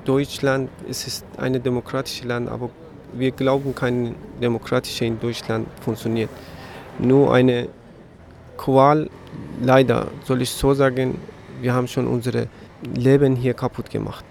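A man's voice: mid-range voice, little pitch movement, measured pace, creaky, darkish tone. A man, a protester speaking broken German and often starting with "also". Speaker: asylum-seeking protester. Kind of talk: street interview. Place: outdoors in a city street. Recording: faint traffic noise outdoors.

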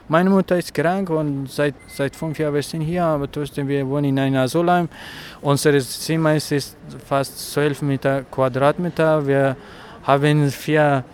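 Man with halting broken German. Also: fairly high pitch, steady tone. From Afghanistan. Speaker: asylum-seeking protester. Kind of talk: street interview. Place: outdoors in a city street. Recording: faint traffic noise outdoors.

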